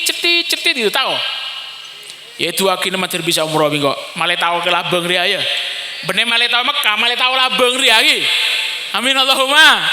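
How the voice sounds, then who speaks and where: High, bright-voiced preacher in an echoey hall. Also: male voice, a little hiss or hum. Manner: storytelling, animated, mixing in regional words. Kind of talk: live sermon. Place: large hall with a live congregation. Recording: echoey hall, faint ambience.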